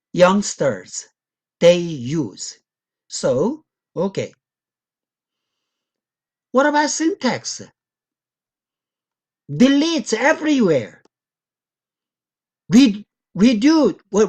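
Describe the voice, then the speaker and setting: Slow, deliberate woman lecturing over slides. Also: a little high. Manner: slow, deliberate, non-native English with loose grammar; asks the audience frequent check questions. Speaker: guest lecturer. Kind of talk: academic lecture walking through slides.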